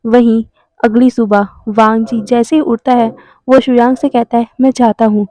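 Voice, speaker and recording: High-voiced woman narrating a story casually. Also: fairly even intonation, moderate pace, darkish tone, dry recording. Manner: conversational, adds fillers like "ना" and "मतलब".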